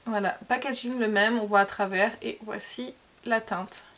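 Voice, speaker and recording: A woman's voice: mid-range voice, steady tone, measured pace, fairly bright tone. A woman from France chatting casually through a makeup tutorial, with frequent fillers and repeated words. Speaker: beauty vlogger.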